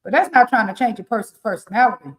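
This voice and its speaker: On a casual live-stream morning show, a rural Southern US woman working as a relationship coach co-hosts and delivers lively, preachy advice full of laughs. She talks fast in a high-leaning voice, with a roomy echo around her.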